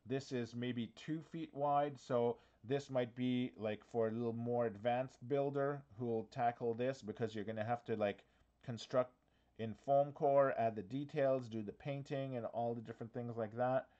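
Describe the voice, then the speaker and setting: A man's voice: medium pitch, fairly even intonation, normal speed, mellow, highs cut off. A man hosting a casual live walkthrough from his office, talking in a chatty, hesitant way full of fillers and restarts, with the hiccups. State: has the hiccups. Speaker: diorama workshop host.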